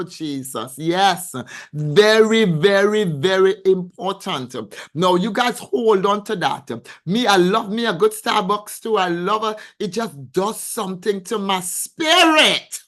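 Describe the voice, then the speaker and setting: Woman, financial coach, live-stream host, reads chat comments aloud, effusive, repeats yes, excitable. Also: mid-range voice. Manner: effusive, showers comments with repeated yeses and praise; excitable, voice leaps up when she gets excited.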